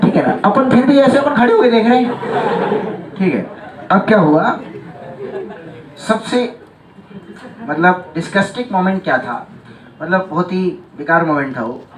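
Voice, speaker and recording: A male teacher telling a funny story to his class, animated and chuckling, often checking that students follow. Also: sits high, unhurried, long pauses, slight background noise. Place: large classroom or hall with students. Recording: echoey hall from far off with loud crowd. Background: students laughing and chiming in.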